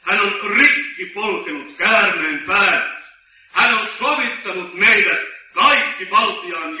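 A man preaching a sermon, slow and emphatic, telling stories with dramatic weight. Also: high-pitched, bright, forceful tone. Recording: echoey hall from far off.

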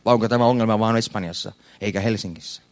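A man preaching a sermon, swinging between loud emphatic peaks and low quiet asides.

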